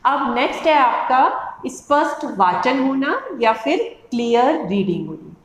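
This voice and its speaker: A woman's voice: high voice, expressive, measured pace. A woman teacher educator giving a lecture, explaining with everyday classroom examples and repeating key terms in two languages. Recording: echoey room.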